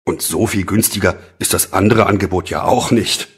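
A man playing a brisk, excitable office boss with emphatic, theatrical delivery in a scripted lesson dialogue. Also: sits low, slightly rough, heavily acted. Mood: impatient.

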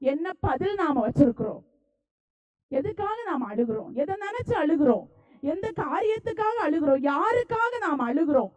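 A woman's voice: high-pitched, sing-song, normal speed, a little mellow, low-quality recording. A woman preacher from Tamil Nadu with a Tamil Nadu accent, delivering a fervent sermon and repeating phrases for emphasis.

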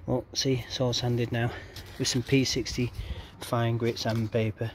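A man rambles informally while narrating a casual DIY vlog outdoors in his back garden. He films it himself on a handheld camera or phone. His mid-range voice stays level and unhurried, with outdoor ambient noise in the background.

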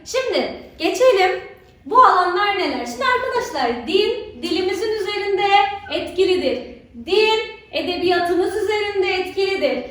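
A woman's voice: very high voice, lively intonation, normal speed, a bit bright. A woman teacher giving a recorded lesson to schoolchildren, who keeps asking rhetorical questions to draw her pupils in. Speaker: religion teacher. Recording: very echoey room, voice far from mic.

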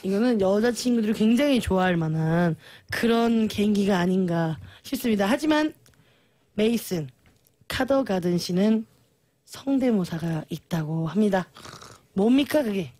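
A woman's voice: medium pitch, lively intonation, moderate pace, dark tone, dry recording. A woman hosting a radio show, playful and teasing, laughing often as she chats with her guests. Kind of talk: lively radio chat.

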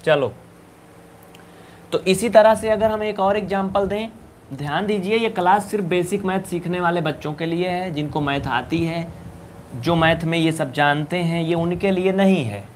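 A man teaching a live online maths class, brisk and coaxing, urging students to answer quickly and scolding them playfully. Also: high voice, slight background noise.

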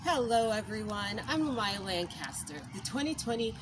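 A woman's voice: mid-range voice, expressive, moderate pace. Woman outdoors with traffic noise. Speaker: part-time teacher. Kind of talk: outdoor congratulatory message. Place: outdoors on a lawn.

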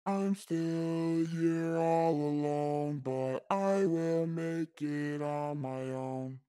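A man singing slow, drawn-out phrases in a vocal take that is auto-tuned and formant-shifted. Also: fairly high pitch, dark tone, clear, resonant tone, soft background music.

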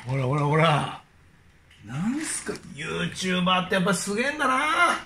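A middle-aged man presenting to a handheld camera in a hotel room, animated and jokingly scolding in casual chat. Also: high voice, normal speed, echoey room, a little hiss or hum. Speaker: prankster presenter, DJ.

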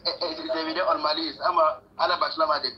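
Male language learner, Cameroonian accent, fairly high voice, hesitant broken foreigner's speech, muffled call audio. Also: level tone, a crowd in the background. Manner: halting, broken foreigner's Turkish with searching pauses. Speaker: language student. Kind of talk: conversational language practice. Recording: dull lo-fi online call.

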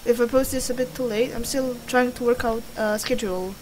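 A woman's voice: fairly high pitch, steady tone, fairly quick, noisy background. A young woman doing casual gameplay commentary in a rambling, sweary, self-deprecating way. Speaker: gaming video host. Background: game music.

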